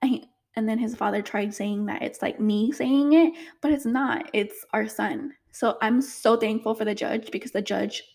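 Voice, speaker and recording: A woman's voice: on the high side, moderate pace, a little mellow. A young woman, a single mother, chatting emotionally to camera in a casual vlog, full of fillers.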